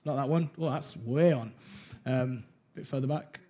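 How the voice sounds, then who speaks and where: A man from Wales gives a candid personal testimony talk at church in a warm, medium-pitched voice at normal speed. He acts out the voices and quotes in his story and laughs at himself.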